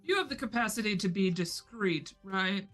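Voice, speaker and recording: Bright-voiced woman playing a tabletop game. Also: mid-range voice, expressive, moderate pace. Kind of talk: casual game chat. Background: faint music.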